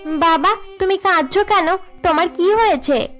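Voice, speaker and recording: A woman's voice: very high voice, measured pace, faint music behind, pitched above the performer's own voice. A woman doing a sweet little five-year-old girl. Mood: sweet pleading. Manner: eager, pleading little-girl voice.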